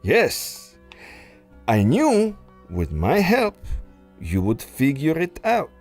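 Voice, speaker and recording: For a pulp adventure audio drama, a male actor plays a smooth mastermind villain: a suave, treacherous scientist and exiled Russian aristocrat. His exaggerated voice swings hugely and theatrically in pitch, unhurried, silky and menacing, with soft music under it.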